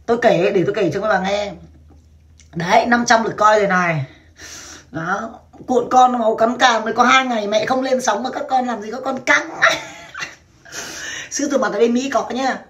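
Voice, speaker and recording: Loud-mouthed vietnamese woman on a livestream, kinda high voice, swears and laughs a lot. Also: fairly even intonation, moderate pace. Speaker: livestream seller. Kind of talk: casual livestream chat.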